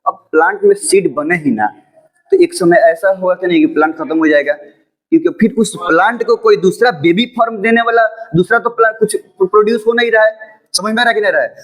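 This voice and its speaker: A man with a fairly high voice gives an informal classroom lecture. He asks his students rhetorical questions and repeats phrases as he explains. English textbook lines come out slow and deliberate. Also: steady tone, a bit bright, rough recording. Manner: mixes English textbook lines into his speech, read slowly. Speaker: teacher.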